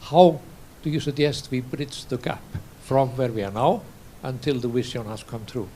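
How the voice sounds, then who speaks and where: A man's voice: mid-range voice, dark tone, a little hiss or hum. Man from Iceland asking a question at a conference. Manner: measured, with hesitations. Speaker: association president asking a question. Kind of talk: formal question from the floor. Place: conference room.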